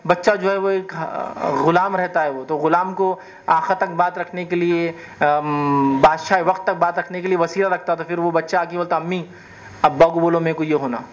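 A man preaching a sermon, lively and often checking with the audience whether they follow. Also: high-pitched. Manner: animated, questions the audience.

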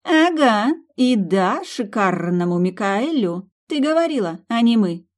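Brief: woman playing bubbly airhead friend, high and lively, sing-song. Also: measured pace. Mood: giddy. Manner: excited, stumbles over long words. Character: giddy, scatterbrained young woman friend.

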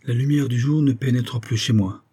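A man's voice: medium pitch, fairly even intonation, moderate pace, warm tone, husky. A man reading an audiobook, voicing a haggard male recluse who is convinced he is haunted and speaks with feverish dread. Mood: fearful.

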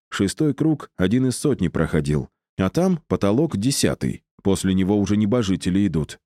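A man narrating an audiobook in a measured, even reading. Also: low-pitched, no echo, clean studio sound. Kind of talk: scripted narration.

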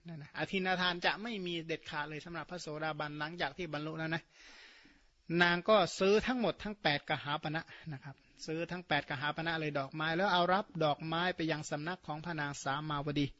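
A man's voice: fairly high pitch, a little fast, sharp tone, dull audio. A man, a Buddhist monk whose first language is Khmer, giving a dharma talk that retells scripture with casual spoken asides. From Surin, Thailand. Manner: explains terms, adds colloquial asides and tag particles.

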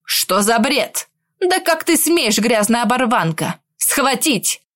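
A woman voicing a spiteful, arrogant young nobleman in an audiobook, speaking slowly and coldly with commanding force. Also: fairly high pitch, sing-song, fairly bright tone, heavily acted. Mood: angry, commanding. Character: young male emperor's heir, arrogant, spiteful groom.

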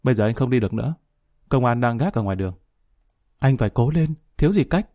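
A frightened young man on the run who talks in quick, nervous bursts, read by a man narrating a story. The voice is mellow, and the recording is dry and close. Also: medium pitch, animated, dry recording, close to an everyday voice. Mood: brash. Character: young man, scared drug-addicted son on the run.

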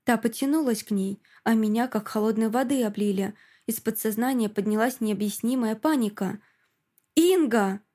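A woman narrating a first-person audiobook with a steady, expressive reading. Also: on the high side, fairly quick, few pauses.

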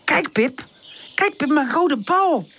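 A woman voicing an eager, impulsive male puppy in a children's audiobook, breathless and excitable. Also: high voice, slow pace, pitched above the performer's own voice, exaggerated voice. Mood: cheerful.

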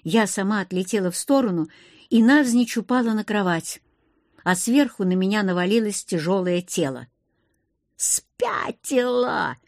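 A woman narrating a first-person audiobook with expressive, lively inner monologue. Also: mid-range voice, normal speed, no room sound, studio quality. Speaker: audiobook reader.

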